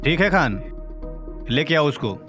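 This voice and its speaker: A shrewd police officer. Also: male voice, fairly high pitch, big pitch swings, measured pace, a bit bright, faint music behind. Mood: reasoning. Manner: authoritative, reasoning aloud, threatening. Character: shrewd senior police officer interrogating a suspect.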